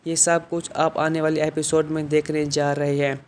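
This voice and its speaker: A man narrating a drama episode recap, reading the quoted lines in the same even tone. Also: a little high, a little hiss or hum.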